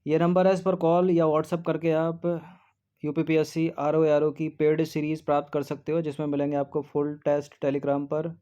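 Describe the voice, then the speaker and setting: A male tutor walks through a test paper methodically, reading each option aloud and ruling it out. His voice is mellow and fairly high, but his delivery stays level and flat. The recording sounds dull and lo-fi. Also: moderate pace, clear, resonant tone. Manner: methodical, reads options aloud and eliminates them one by one. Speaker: exam-prep teacher. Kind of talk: explaining a Hindi test paper.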